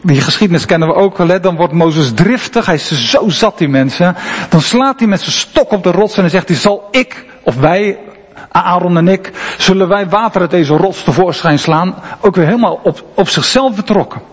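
Male preacher, high voice, conversational and emphatic, long church-hall reverb. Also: animated, normal speed, slightly rough. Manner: conversational, emphatic preaching with frequent rhetorical questions. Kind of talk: sermon.

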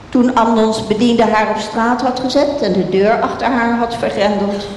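A reader delivers scripture slowly and deliberately, at a mid pitch. The voice rings in a large, echoing hall with a long reverb tail. A faint low rumble hums beneath it. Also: darkish tone. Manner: slow, measured reading. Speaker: Bible reader. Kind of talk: scripture reading.

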